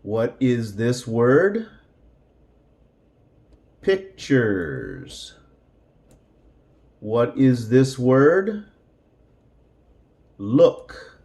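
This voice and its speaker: A male English teacher speaking at a very slow, deliberate pace. He repeats words one by one for his learners, and his pitch moves up and down a lot. His voice sits in a middle register for a man. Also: huge pitch swings, mellow.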